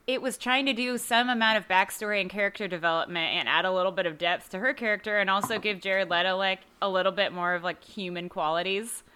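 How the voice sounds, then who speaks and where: A young woman trading jokes about a film on a casual podcast, animated and quick to laugh. Her voice is bright and forceful, sitting at a middle pitch. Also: clean tone. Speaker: podcast co-host. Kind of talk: casual movie review chat.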